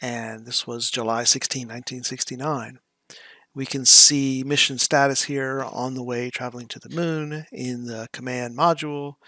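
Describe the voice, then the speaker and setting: Dry close mic, middle-aged man, mid pitch, casual lesson commentary, halting thinking-aloud delivery, small room. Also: flat delivery, sharp tone, no room sound. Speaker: physics teacher, presenter.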